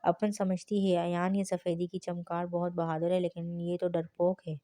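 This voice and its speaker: A cheeky, brash young woman who talks in street slang, as a woman reading a novel puts her on. The voice sits low and flat with a mellow tone. It is a storybook reading. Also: no echo, close to an everyday voice. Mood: teasing.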